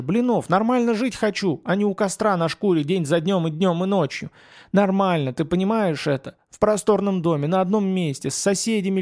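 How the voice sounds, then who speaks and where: Male narrator doing a young Cossack woman, raised pitch, gravelly edge, pleading and emotional. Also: a little mellow.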